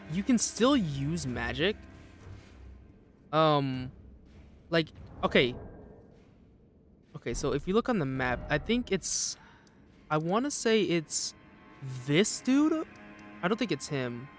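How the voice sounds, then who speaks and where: Jittery young male gamer with gravelly voice. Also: a bit bright. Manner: jittery, laughing, mimics enemies in high voices. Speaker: streamer. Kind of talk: casual gameplay commentary.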